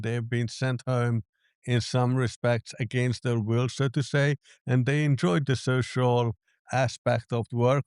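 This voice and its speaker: Guy being interviewed, smooth clear voice, dry sound, calm explaining. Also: mid-range voice, no echo. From Hungary. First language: Hungarian. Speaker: app developer, guest. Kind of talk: interview answers.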